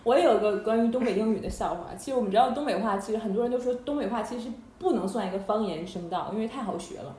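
A woman's voice: a little high, very fast, few pauses. A woman hosting a casual podcast chat, explaining things and laughing often as she talks. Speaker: podcast host. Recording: roomy echo with faint noise.

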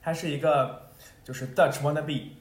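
A young man co-hosting a podcast, chatting casually and telling an animated story with frequent laughs. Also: fairly high pitch, moderate pace. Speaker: podcast co-host. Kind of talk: casual chat. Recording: roomy echo.

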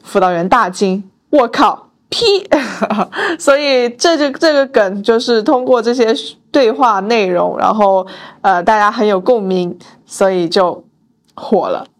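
A woman's voice: mid-range voice, a little slow. A woman hosting a casual explainer show on Chinese internet slang, quoting catchphrases as she goes.

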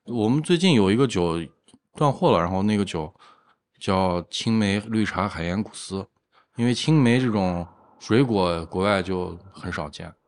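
Male craft brewer as interview guest, low pitch, agreeable, explains in casual conversation. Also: animated, moderate pace.

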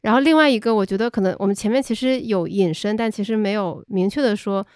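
A woman hosting a podcast chat, speaking in a measured, reflective way. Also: mid-range voice, a little mellow, smooth, no room sound, clean studio sound. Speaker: podcast host.

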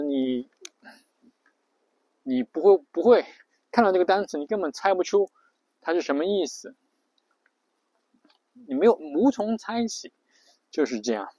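A man's voice: on the high side, no echo, poor audio. A man hosting an audio show who explains vocabulary in a casual monologue, chatty and thinking aloud with frequent fillers. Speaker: podcast host.

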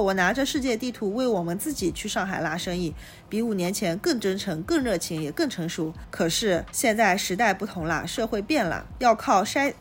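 A woman's voice: mid-range voice, slight background noise, close to an everyday voice. A woman reading a brash young hustler. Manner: boastful, sweeping proverbs. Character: brash ambitious young male entrepreneur.

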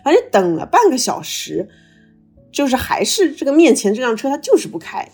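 Podcast host, woman, video call, excitable storyteller with a slight stammer, a bit breathy. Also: high voice, fairly quick, soft background music. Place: travelling abroad, on a video call.

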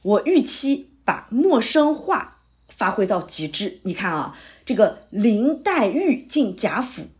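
Here a woman plays the playwright character, an earnest middle-aged man eager to pitch, who talks persuasively and lays out his ideas at length in an audio drama. Her voice sits in the mid range, very animated, and she takes her time.

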